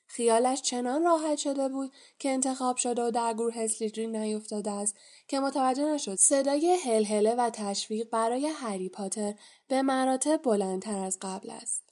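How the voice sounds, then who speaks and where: Woman calmly narrating a storybook. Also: on the high side. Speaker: audiobook narrator.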